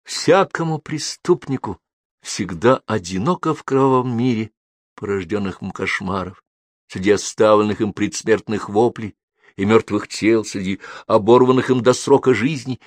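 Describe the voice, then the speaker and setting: A man's voice: fairly low pitch, normal speed, dry recording, clean studio sound, pitched above the performer's own voice, close to an everyday voice. A man voicing an indignant, hurt educated young man who pleads and protests. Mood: brooding.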